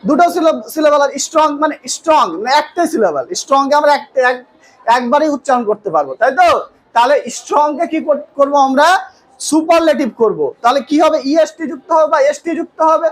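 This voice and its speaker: A woman's voice: high-pitched, fast, a little hiss or hum, low-quality recording. A woman teaching an English grammar lesson. She quizzes her students with questions, then answers them herself. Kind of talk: classroom lesson.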